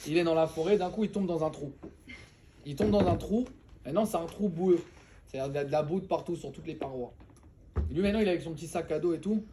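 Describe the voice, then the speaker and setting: High-voiced man telling a parable. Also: fast, background noise. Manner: animated, slangy and joking with listeners. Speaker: Torah teacher. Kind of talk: casual storytelling lesson.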